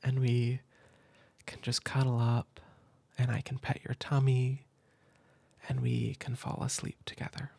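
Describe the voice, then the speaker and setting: Man, ASMR comfort roleplay; gentle half-whisper, slow and even, gravelly edge, dry close sound. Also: mid-range voice, no echo. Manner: soft, tender, half-whispered. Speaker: ASMR creator.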